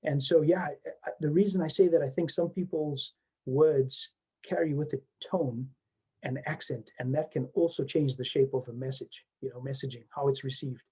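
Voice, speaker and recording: Man, from Zimbabwe, guest, animated, husky, mellow, a bit higher pitched. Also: moderate pace. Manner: animated, reflective, talks in long chains with many "you know"s. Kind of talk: casual interview chat.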